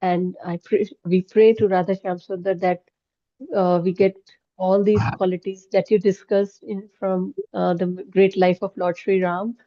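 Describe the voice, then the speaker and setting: A woman's voice: mid-range voice, level tone, unhurried, no echo, muffled recording. Gracious woman hosting an online forum. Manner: polite and gracious, many thanks and honorifics. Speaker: forum host. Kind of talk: moderating an online session. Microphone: video call.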